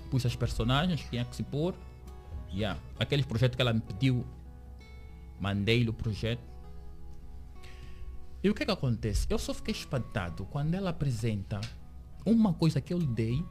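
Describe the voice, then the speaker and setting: A man being interviewed on the radio as a series creator, telling his story with lively acted-out quotes of other people. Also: medium pitch. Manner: animated storyteller, acts out quoted dialogue. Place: radio studio.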